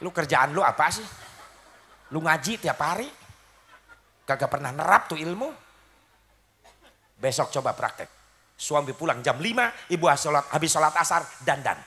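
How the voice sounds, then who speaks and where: Gravelly, bright-voiced comic preacher. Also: male voice, fairly high pitch, animated, normal speed, long pauses. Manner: jokey, acts out wives and husbands in skits. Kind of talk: comic sermon to a crowd. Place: outdoor community stage.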